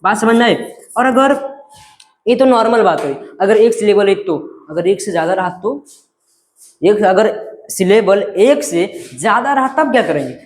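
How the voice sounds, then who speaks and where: A man's voice: sits high, animated, normal speed, roomy sound. A male teacher explaining grammar in his words, often asking check questions and repeating key words.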